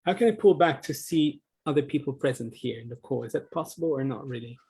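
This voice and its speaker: Presenter: a man from the Netherlands, in his thirties, thoughtful and a bit halting, on a conference call. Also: medium pitch, vocal fry, darkish tone, breathy edge, low-quality recording. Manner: earnest, reflective, with frequent ums. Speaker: social enterprise founder presenting. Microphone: video call.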